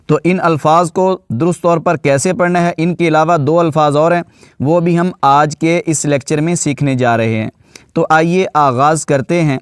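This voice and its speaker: Male reading teacher with a high voice, patient and explanatory, spelling words out letter by letter. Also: clean tone, no room sound, studio quality. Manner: adds a polite "ji" to his phrases. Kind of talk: tajweed lesson.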